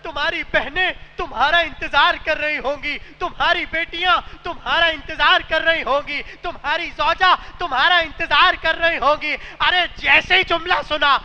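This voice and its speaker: High-voiced man preaching in an echoey hall. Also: highs cut off. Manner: rises from soft storytelling to loud wailing cries. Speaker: preacher at a mourning gathering. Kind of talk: majlis sermon, recited with rising lament. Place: large mosque hall. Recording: echoey hall with faint noise.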